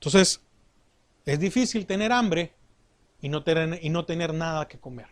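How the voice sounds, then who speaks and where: A middle-aged man preaching a sermon in a slow, deliberate way, asking the congregation rhetorical questions. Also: fairly high pitch, animated.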